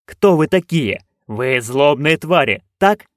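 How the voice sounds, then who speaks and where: A man voicing a fretful, commanding dwarf stage director who drills his troupe with slow, barked questions in an audiobook. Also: on the high side, lively intonation, no room sound, clean studio sound. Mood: drilling. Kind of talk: audiobook narration.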